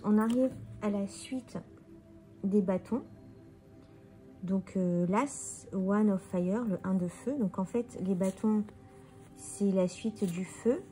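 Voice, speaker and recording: A woman's voice: mid-range voice, dark tone. A tired woman casually musing aloud as she turns over and presents tarot cards. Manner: musing, thinking aloud while turning cards. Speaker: tarot card reader presenting a deck. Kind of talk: casual deck walkthrough.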